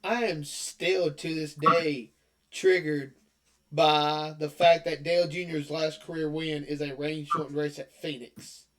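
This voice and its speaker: A man with a fairly high speaking voice chats casually on a podcast. He stumbles and restarts as he works up to venting his opinions. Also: flat delivery, a little slow, fairly bright tone. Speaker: podcast co-host. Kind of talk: casual chat.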